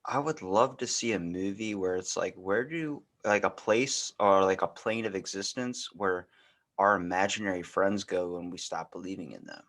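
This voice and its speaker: An American podcast host with a deep, fairly bright voice talks at normal speed with lively intonation. In casual conversation he tells rambling stories, acting out bits of quoted dialogue along the way.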